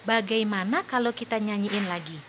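A woman's natural, medium-pitched voice with a fairly bright tone carries the role of a cheerful young mother in a children's audio play. She speaks slowly for her two little daughters, patiently praising and encouraging them, with a little hiss or hum in the background.

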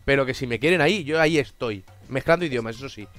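A man's voice: medium pitch, fairly bright tone, faint music behind. A man with a Catalan accent, a native Catalan speaker, hosting a casual chat on his channel and talking in a joking way, swearing now and then. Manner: fast, joking, swears casually, mixes languages. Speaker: channel host.

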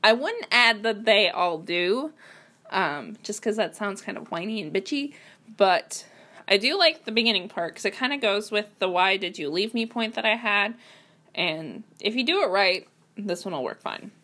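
A young woman reviewing writing tips speaks animatedly at normal speed, with a mid-range voice and a sharp edge. Sitting at her home computer, she comments casually alone, restarting often and using many fillers.

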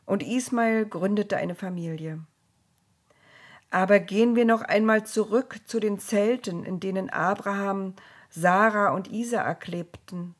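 Slow, breathy woman reading a story. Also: mid-range voice. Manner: calm, measured storytelling.

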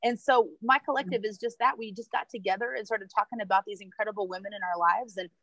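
A woman's voice: mid-range voice, a bit bright, no echo, low-quality recording. A woman who leads a women's ministry, talking enthusiastically and chattily on a video call from a marketplace. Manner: enthusiastic and chatty, quick asides. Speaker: ministry leader. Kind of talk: casual livestream chat.

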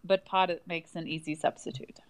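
A woman's voice: fairly low pitch, brisk, low-quality recording. A woman chatting casually on a podcast, telling playful anecdotes and acting out what people said. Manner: animated storytelling, quotes others, playful. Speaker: podcast guest.

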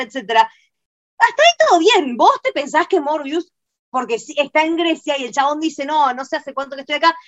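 A young woman with a Rioplatense accent, co-hosting a film podcast and retelling scenes in a fast, exasperated way. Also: high-pitched, no echo, dull audio. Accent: Rioplatense Spanish. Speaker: podcast co-host. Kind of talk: casual film review chat.

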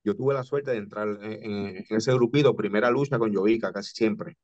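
A man's voice: on the low side, fairly quick, a little mellow, no echo. A man, a professional wrestler, recalling his career in casual chat, often repeating words as he starts. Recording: dull lo-fi sound.

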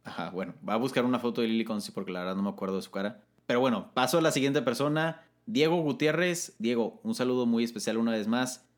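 A man's voice: fast, few pauses. A young man with a Mexican Spanish accent co-hosting a casual chat, reading listener comments in an upbeat way and laughing often. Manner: upbeat, laughs often, jumps pitch when excited.

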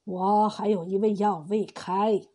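Woman doing a slow, calm old healer. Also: mid-range voice, voice pushed down, close to an everyday voice. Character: kind wise old male village healer.

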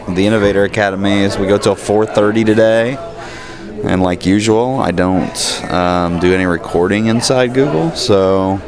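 A man hosting an informal spoken audio diary, chatting casually and noting the time as he goes. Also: low voice. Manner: informal, often recapping the time and day. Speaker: host of an audio travel diary. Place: on the move through hotel lobbies and streets. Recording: handheld recorder with clear ambient noise.

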